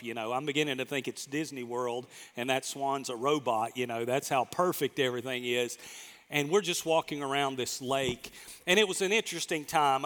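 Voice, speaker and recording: A man in his mid-fifties preaching in a relaxed, folksy way, tossing jokes at his own expense to the congregation. His mid-range voice carries a long reverb from the church hall around him. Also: medium pitch. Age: 50s. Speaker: pastor. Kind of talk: conversational sermon. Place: church sanctuary.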